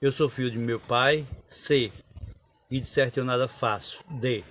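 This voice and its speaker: Slow, patient teacher. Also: male voice, mid-range voice, fairly even intonation, a bit bright, a little hiss or hum. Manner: unhurried, explains step by step and recites verses. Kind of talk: lesson on cordel poetry.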